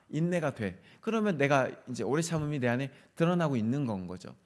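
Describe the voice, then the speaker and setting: A middle-aged male pastor preaching in a relaxed, conversational way to a youth service. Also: a little high. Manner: conversational, acts out quoted dialogue. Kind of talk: sermon.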